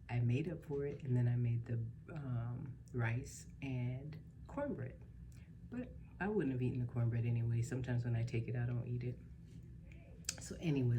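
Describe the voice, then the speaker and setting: A woman's voice: a bass voice, noisy background. A middle-aged woman telling a story in a casual, chatty vlog style, acting out what people said. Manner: chatty, animated when quoting people. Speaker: mukbang vlogger.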